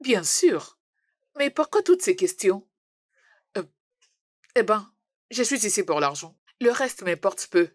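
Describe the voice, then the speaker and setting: An actress dubbing a brazen, self-assured young mistress in a drama, speaking flippantly. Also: female voice, mid-range voice, big pitch swings, takes it slowly, pauses often, no room sound, studio quality. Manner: flippant, bold. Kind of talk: dubbed drama dialogue.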